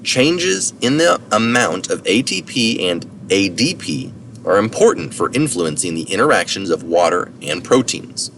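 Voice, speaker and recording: A man with a deep, very animated, slightly bright voice reads a science article aloud at an unhurried pace. He drops informal asides for citations and occasionally corrects himself. The mic is distant and there is noticeable background noise.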